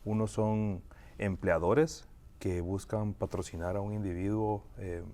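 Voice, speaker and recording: An immigration lawyer from Guatemala answers interview questions in a measured way, with frequent fillers and restarts. His voice is fairly low with fairly even intonation and a warm tone.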